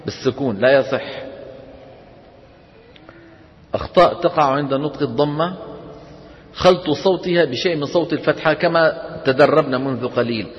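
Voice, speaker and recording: A man teaching a tajweed lesson to a class, explaining and then demonstrating slow, drawn-out recitation. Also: on the high side. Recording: dull echoey lecture hall recording.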